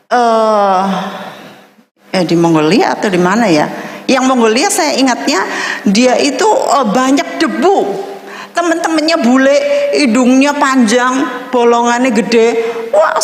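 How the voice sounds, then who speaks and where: Woman preaching in an echoey hall. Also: on the high side. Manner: storytelling, addresses audience as saudara. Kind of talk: sermon. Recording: echoey hall with long reverb.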